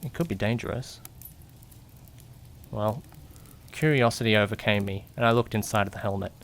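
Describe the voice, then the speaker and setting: At a moderate pace, a man with a fairly low voice close to everyday speech narrates in first person against slight background noise. The piece is an amateur mystery audio drama, and he plays the curious, jittery young companion of a detective, mixing suspense with questioning asides. Its mood is curious and suspenseful.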